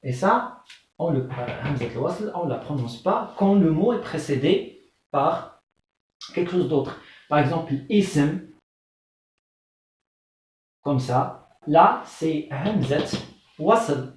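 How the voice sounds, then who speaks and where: In a very echoey room and well away from the mic, a male Arabic teacher runs a classroom lesson on the alphabet in French. His voice is a little high and animated, and he patiently repeats terms slowly, checking in with the class through many "euh"s and "d'accord?"s.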